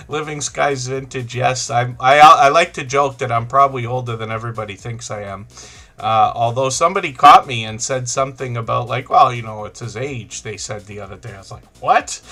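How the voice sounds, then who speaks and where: A man's voice: mid-range voice, moderate pace, bright, forceful tone, faint music behind. A middle-aged man hosting a casual livestream, chatty and rambling as he greets viewers by name. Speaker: livestream host. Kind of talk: casual live-stream chat.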